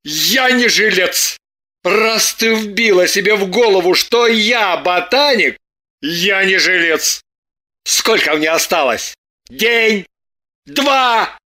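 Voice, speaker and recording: A man's voice: high voice, lively intonation, slow pace, sharp tone, exaggerated voice. A man voicing a bewildered middle-aged husband who keeps defending himself with indignant, theatrical protests.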